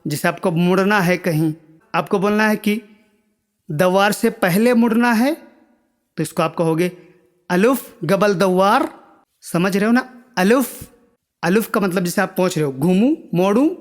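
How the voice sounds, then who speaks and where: Recorded with a big-room sound, a man whose voice sits high leads a spoken language lesson. He goes through words for his viewers, patiently saying each again and checking their understanding.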